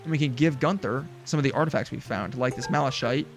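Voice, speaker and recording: A man chatting casually as he streams a farming game, mid-pitched and easygoing. He rambles with fillers and restarts, and faint music plays behind him. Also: fast. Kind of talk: casual gameplay chat.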